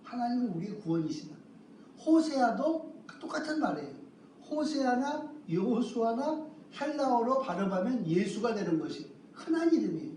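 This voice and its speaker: A man delivers a sermon in a church sanctuary, his fairly high voice leaning on key words and drawing them out. He keeps posing rhetorical questions to the congregation and answering them himself. The mic sits some distance away, so the voice comes through roomy with a faint hum of ambience behind it. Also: expressive, normal speed, a little mellow. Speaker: pastor.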